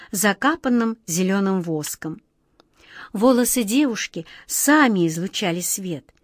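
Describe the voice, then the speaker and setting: A woman reading a children's fairy tale aloud with an even, expressive delivery. Her voice sits mid-range. The recording is dry and close. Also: medium pitch, dry recording. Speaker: narrator. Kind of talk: storybook reading.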